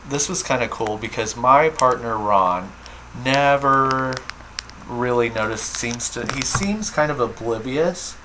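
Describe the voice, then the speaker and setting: Guy rambling excitedly on a home vlog, mid pitch, lots of ums, soft hum in the room. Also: poor audio. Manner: chatty, enthusiastic, filler-heavy. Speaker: vlogger. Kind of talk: casual chat.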